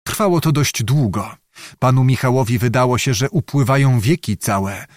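A man narrating an audiobook in an expressive reading voice. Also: mid-range voice, moderate pace, dry recording, clean studio sound.

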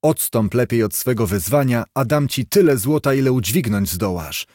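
A man's voice: medium pitch, animated, unhurried, darkish tone, no room sound, studio quality. A man voicing a proud, angry veteran knight who speaks scornfully in an audiobook story. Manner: scornful, threatening.

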